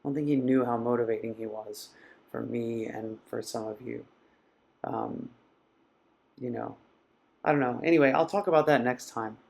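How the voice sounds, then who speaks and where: A man hosting a live mindfulness session, speaking in a reflective, halting way as he reads out viewers' comments. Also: medium pitch, creaky. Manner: reflective, soft-spoken and halting. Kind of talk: casual live-stream talk reading viewer comments.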